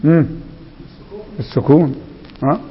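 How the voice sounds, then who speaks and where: Egyptian teacher quizzing a class. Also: male voice, a little high, fairly even intonation, slightly rough. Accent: Egyptian Arabic. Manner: quizzing students, slow drawn-out recitation of examples. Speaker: Arabic grammar teacher. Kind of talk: classroom grammar lesson. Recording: echoey hall, dull lo-fi sound.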